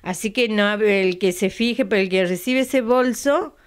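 A woman's voice: mid-range voice, unhurried. An older woman with an Argentine accent, president of a retirees' center, chatting in a local TV interview at home into a handheld mic, repeating dates patiently. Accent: Argentine Spanish. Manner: chatty, repeats dates and tags lines with a questioning aside. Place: living room at home. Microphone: handheld mic held by interviewer.

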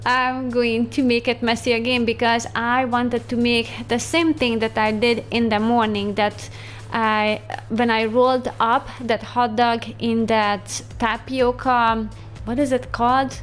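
A woman's voice: a little high, flat delivery, slow, faint music behind. Chatty Hungarian-accented woman vlogger. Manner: chatty, searches for words. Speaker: homemaking vlogger. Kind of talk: casual voice-over narration. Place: home kitchen.

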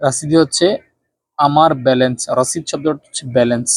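Gravelly man teaching phrases slowly. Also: mid-range voice, steady tone, no echo. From Bangladesh. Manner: repeats phrases slowly, then explains quickly. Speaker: Arabic language teacher. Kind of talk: casual spoken language lesson.

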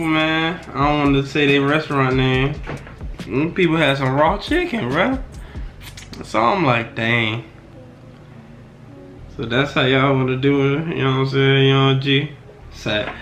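A twenty-year-old man talks to a camera on his desk in a small wood-paneled room. His speech is laid-back and reflective, full of slang and trailing pauses. A beat plays clearly underneath, and the voice sits at an ordinary middle pitch. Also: a bit bright, echoey room. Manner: laid-back slang, keeps saying "you know what I'm saying". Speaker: vlogger. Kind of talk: casual to-camera vlog. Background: background music.

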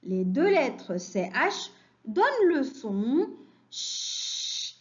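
A woman teaching a phonics lesson to young children, stressing each syllable slowly in a sing-song way. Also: sits high, sing-song, highs cut off.

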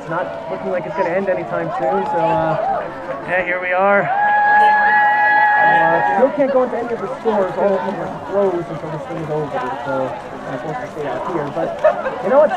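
High-voiced young man in a loud crowd. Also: big pitch swings, moderate pace, heavy background noise. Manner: sarcastic, joking. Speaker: student vlogger. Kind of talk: outdoor vlog commentary. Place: outdoors in a street march. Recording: dull phone recording in a loud crowd.

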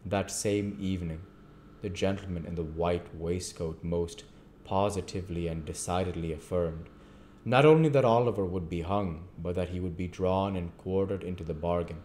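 A man reading a classic novel aloud at a measured pace, with the occasional stumble. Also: low-pitched, darkish tone, a little hiss or hum. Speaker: audiobook reader.

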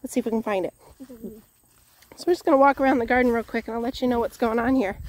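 High-voiced cheerful woman touring her garden. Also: fairly even intonation, fast talker, a little mellow. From Northwest Illinois. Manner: cheerful, thankful, chatty with many restarts. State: a little out of breath. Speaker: home gardener vlogger. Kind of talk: casual garden tour. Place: outdoors in a home vegetable garden.

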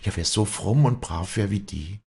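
A man voicing a kindly old village priest speaking gently in rural dialect. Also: fairly low pitch, moderate pace, creaky, husky, voice pushed up, exaggerated voice. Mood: admiring.

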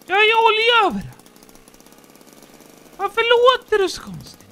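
A man voicing a squeaky, childlike male character who keeps up a fussy, silly running commentary while playing a game. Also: wildly swooping pitch, pushed and bright, full character voice. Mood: chattering.

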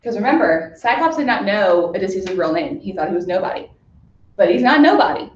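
In an echoey, muffled recording with slight background noise, a woman teacher with a medium-pitched, sing-song voice talks briskly. She casually explains a story to her class in a chatty way, using lots of fillers.

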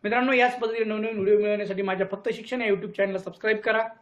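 A man's voice: high voice, little pitch movement, racing, fairly bright tone, dull audio. A male teacher going through a worksheet, reading the questions and choices aloud and calling the viewers his friends. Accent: Marathi. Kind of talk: worksheet explanation lesson.

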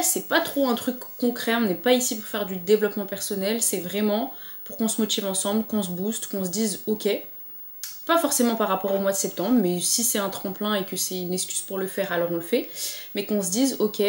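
A woman's voice: mid-range voice, moderate pace, echoey room. A woman vlogger talking casually to camera, chatty and encouraging, with frequent fillers. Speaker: lifestyle vlogger. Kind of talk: casual motivational chat to camera.

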